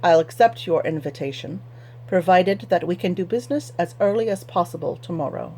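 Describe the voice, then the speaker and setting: Storybook read-aloud: woman reading as a gruff, heavily accented trader, cold and brief. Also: on the low side, fairly quick, dark tone, slight background noise, natural voice. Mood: cold curt. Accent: heavy foreign accent. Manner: curt, cold. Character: cold, scar-faced foreign male merchant.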